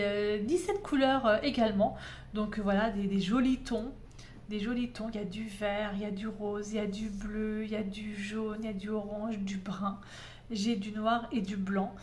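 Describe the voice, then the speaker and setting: Chatty woman, slightly high voice. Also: slight background noise. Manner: chatty and enthusiastic, with many hesitations. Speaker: crafting vlogger. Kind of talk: casual show-and-tell chat. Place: at home.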